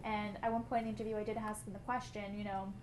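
A woman with a mid-pitched voice sets out a question politely and step by step. She speaks at a live discussion in an echoey room with noticeable noise. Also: flat delivery, fast.

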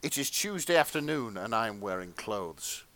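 A man's voice: lowish voice, big pitch swings, moderate pace, a bit bright, low-quality recording. A man hosting a comedy podcast, reading fan fiction aloud with mock seriousness. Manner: mock-earnest reading, breaking into laughter. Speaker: podcast host.

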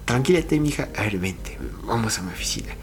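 A man's voice: mid-range voice, animated, a little fast, over music, close to an everyday voice. Guy doing a chill motherly aunt, reassuring, spanish. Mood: soothing. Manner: soothing, reassuring. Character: calm motherly aunt, museum conservator.

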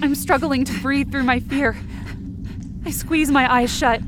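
Here a woman with a high voice reads first-person scripted fiction in an intense, suspenseful, dramatic style, keeping her tone steady and her pace unhurried. The background is noisy, with dramatic music running under her voice.

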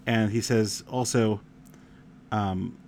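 A man's voice: fairly low pitch, fairly even intonation, takes it slowly, a little mellow, a little hiss or hum. A man giving a conversational Torah lecture, wandering between stories and reading letter passages with feeling, scattering Hebrew and Yiddish terms as he goes. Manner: reads quoted letter passages aloud with feeling. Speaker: Torah teacher.

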